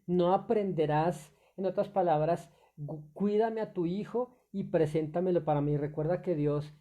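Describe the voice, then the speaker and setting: A man's voice: on the high side, dark tone. A male pastor preaching a sermon off the cuff, full of fillers, restarts and rhetorical questions.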